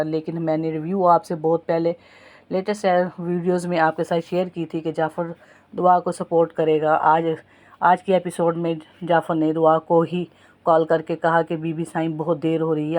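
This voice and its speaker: A TV drama reviewer with a low voice casually recaps a show's plot at length, calling her viewers friends. Her delivery is flat and level, and she frequently stops to correct herself.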